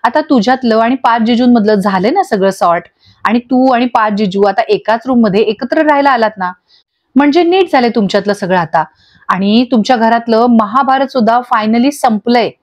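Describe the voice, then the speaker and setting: A woman's voice: on the high side, normal speed, close to an everyday voice. A woman voicing a cheeky, teasing young best friend who speaks with playful drama. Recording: dull lo-fi audio.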